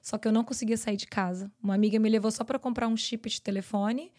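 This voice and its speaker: A Brazilian woman, a podcast guest, telling her personal story in an earnest, rapid flow. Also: a little high, steady tone, darkish tone. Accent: Brazilian Portuguese. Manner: earnest, tells events in long rapid runs.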